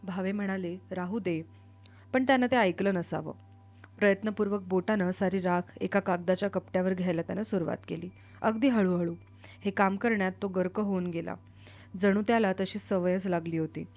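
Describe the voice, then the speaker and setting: A woman reading a literary novel aloud, narrating in a measured, steady way. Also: mid-range voice. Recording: dull lo-fi with faint music.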